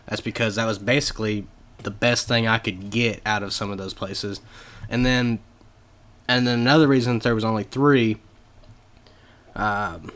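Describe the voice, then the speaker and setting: A man's voice: lowish voice, steady tone, normal speed, pauses often, fairly bright tone. A man co-hosting a podcast, chatting casually and rambling through long explanations with lots of fillers. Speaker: podcast co-host. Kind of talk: casual chat.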